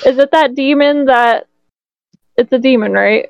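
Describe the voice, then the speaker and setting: Woman, higher voice, gushing, excitable, dry muffled audio. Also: a little slow, creaky, smooth, no room sound. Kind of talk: casual chat.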